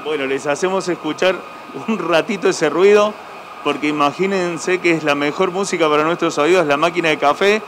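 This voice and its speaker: A man's voice: on the high side, normal speed, background noise. A young man with an Argentine accent reporting on location for local TV news, chatting with customers through a handheld mic. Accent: Argentine Spanish. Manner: conversational, chatty reporter asking short questions. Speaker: field reporter. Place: outdoors on a town sidewalk and inside a café. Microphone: handheld reporter microphone.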